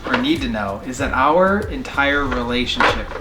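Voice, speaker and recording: A man's voice: medium pitch, expressive, normal speed, very noisy. A man in his thirties co-hosting a family vlog, laid-back and joking. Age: 30s. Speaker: co-host. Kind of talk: casual vlog chat. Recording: roomy home recording with loud music.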